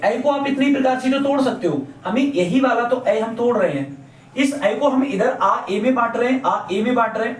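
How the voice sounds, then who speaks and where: A man teaching a Hindi grammar lesson. He repeats his points and asks the class questions, then answers them himself. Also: very high voice. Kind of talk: classroom lecture. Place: classroom or coaching room. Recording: echoey room, mic at a distance.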